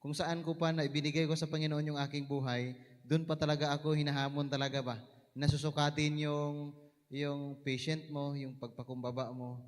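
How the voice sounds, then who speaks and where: A man with a Visayan accent sharing an animated personal testimony in church, his voice rising at the dramatic moments. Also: fairly high pitch, moderate pace. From Mindanao, Philippines. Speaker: church member giving testimony. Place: church hall. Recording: echoey church hall.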